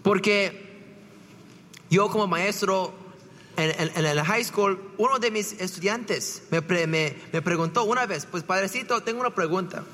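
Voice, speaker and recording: High, bright-voiced priest in an echoing hall. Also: male voice, a little slow, a little hiss or hum. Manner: conversational, asks rhetorical questions, frequent "¿verdad?". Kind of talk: homily.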